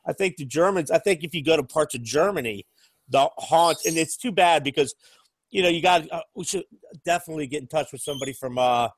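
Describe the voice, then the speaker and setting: A man's voice: fairly high pitch, a little fast, slightly rough, no echo. An American man co-hosting a casual podcast chat who rambles and says "you know" a lot. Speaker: podcast co-host.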